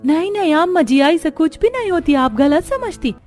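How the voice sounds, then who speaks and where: A woman voicing a timid young daughter-in-law in a cartoon, speaking softly with put-on southern slips. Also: very high-pitched, expressive, normal speed, soft background music, voice pushed up. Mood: pleading.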